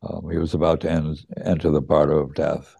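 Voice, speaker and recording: A middle-aged man with a very low, gravelly voice, dark and mellow in tone with little pitch movement, tells a personal story about his teacher's death from a student's perspective. He speaks slowly and reflectively, pausing hesitantly and restarting a few words.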